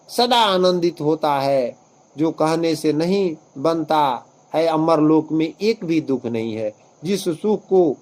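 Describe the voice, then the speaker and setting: A man expounds sacred verses in a devotional commentary. He speaks slowly and deliberately in a fairly high voice. Now and then he draws the verses out into a chant. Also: rough recording. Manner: slow, measured explanation, drawn-out chanting of couplets. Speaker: religious scripture expounder.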